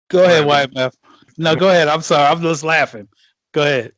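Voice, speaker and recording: A man giving his take in a casual podcast chat, hesitant and halting, with many fillers and restarts. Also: fairly high pitch, a bit bright, no echo.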